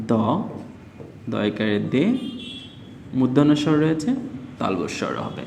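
A man's voice: fairly high pitch, a little hiss or hum. Man teaching grammar in an echoey room. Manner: spells words out syllable by syllable, then asks the class questions. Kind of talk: classroom lesson explaining spelling rules. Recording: echoey room with long reverb.

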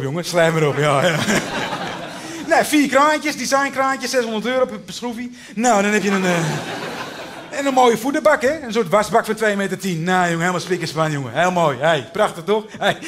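Man voicing a contractor, cabaret sketch character, high-pitched, brash, overly familiar, repetitive sales patter. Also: fairly bright tone, a little hiss or hum. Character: pushy chummy male contractor, upselling. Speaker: contractor inspecting a house.

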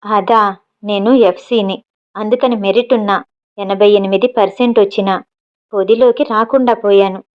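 A woman's voice: medium pitch, fairly even intonation, moderate pace, clear, resonant tone, lo-fi sound, natural voice. A woman voicing a proud, educated young woman who works as a cook and answers back bluntly. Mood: defiant. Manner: cutting, matter-of-fact retorts.

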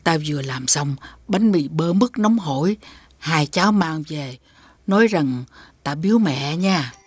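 A husky, doting old grandmother. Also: low voice, lively intonation, unhurried, no room sound, heavily acted. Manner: warm, doting speech. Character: kind old grandmother, gentle and generous. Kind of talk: cartoon dub acting.

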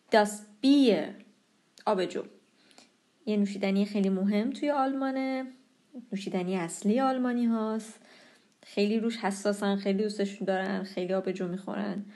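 A young woman teaching a language lesson, explaining pronunciation patiently and slowing down on example words. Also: medium pitch, a little mellow.

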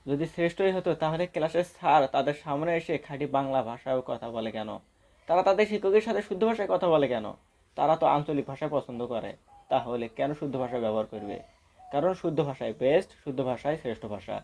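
Man debating all formal and lecture-y, rattles off numbers fast. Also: on the high side, a little mellow. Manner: formal, lecturing, counts off figures.

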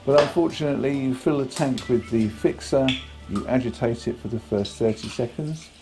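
A man's voice: medium pitch, moderate pace. A man giving a casual, practical how-to talk in his home kitchen, with some fillers. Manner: relaxed, plain and practical, with fillers. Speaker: photography hobbyist demonstrating. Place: home kitchen, indoors, at the sink. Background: running tap water and loud music.

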